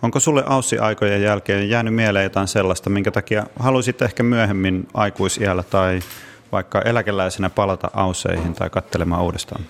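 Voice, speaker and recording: Very deep-voiced male interviewer. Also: steady tone. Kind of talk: interview questions.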